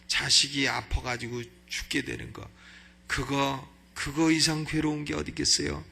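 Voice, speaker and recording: Gravelly, bright-voiced Korean pastor preaching. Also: male voice, mid-range voice, a little hiss or hum. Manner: swings from shouted exhortation to chatty storytelling. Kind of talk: expository sermon. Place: church sanctuary.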